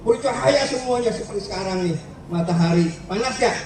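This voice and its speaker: Brief: high-pitched male preacher questioning kids, recorded from far off in an echoey space with faint background. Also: brisk, background noise. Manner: lively, asks the children questions, repeats words. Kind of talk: sermon storytelling to schoolchildren. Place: school event.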